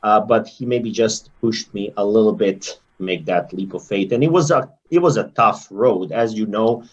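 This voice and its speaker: Serbian guy in his 30s rambling thru his story on a muffled call, lowish voice. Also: moderate pace. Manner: reflective, rambling, animated in places. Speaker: guest. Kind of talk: conversational interview storytelling.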